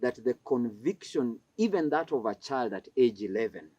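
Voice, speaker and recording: A male TV host welcomes viewers in a formal tone and leads an interview with short questions and affirmations. His voice is mellow and dark. He speaks from a studio. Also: medium pitch, very animated, normal speed, no echo, highs cut off. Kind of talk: interview hosting. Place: university TV studio.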